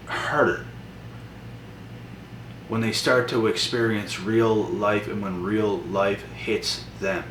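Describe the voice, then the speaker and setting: A man's voice: on the low side, a bit bright. A young man giving a blunt, preachy motivational monologue to camera. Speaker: motivational vlogger. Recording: echoey room from a distance with noise.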